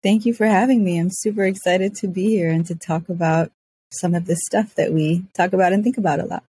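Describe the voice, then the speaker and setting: A woman's voice: fairly low pitch, steady tone, a little fast, dark tone, husky. A woman from Switzerland chatting as a podcast guest, full of fillers and restarts. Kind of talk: casual interview talk.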